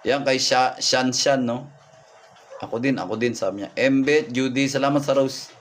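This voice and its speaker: A man's voice: medium pitch, steady tone, normal speed, a little hiss or hum. Man reading signs on a livestream. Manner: repetitive, thanks viewers by name, points things out. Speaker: folk healer livestreaming readings. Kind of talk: live-stream reading and viewer shout-outs.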